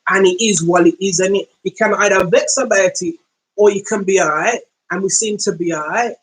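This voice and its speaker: In a mid-range voice on a low-quality recording, a female podcast host with a London accent rambles through her story in relaxed, slangy chat. Quoted lines get acted out slowly and with deliberate heaviness.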